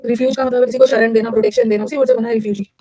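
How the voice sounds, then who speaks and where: A middle-aged woman, teaching vocabulary in a lecture and drilling words with quick repetition and questions to her students. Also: on the high side, steady tone, mellow, no room sound, highs cut off.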